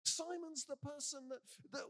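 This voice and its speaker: A man, a bishop, preaching a sermon with lively, animated storytelling and humorous asides. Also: extremely high pitch, normal speed. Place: church.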